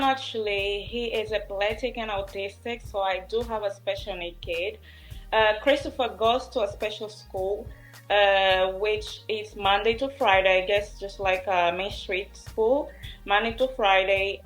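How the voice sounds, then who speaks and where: A woman in her twenties, from Portugal and raised in Angola, answering interview questions in a hesitant way with many pauses. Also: medium pitch, steady tone, soft background music, poor audio. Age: 20s. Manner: hesitant, many ums and uhs. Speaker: interview guest. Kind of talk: casual interview.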